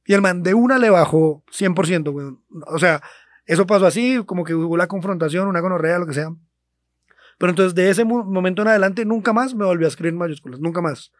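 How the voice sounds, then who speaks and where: Fast-talking Colombian man, swearing casually. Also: sits high, no echo, studio quality. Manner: swears freely, slangy, rambling and animated. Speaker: podcast co-host. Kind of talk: casual storytelling chat.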